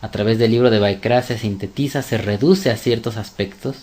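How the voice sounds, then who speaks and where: A man's voice: lowish voice, a little fast, a little mellow. Emphatic male religious teacher. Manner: emphatic, with rhetorical questions. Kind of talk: sermon-style Bible teaching.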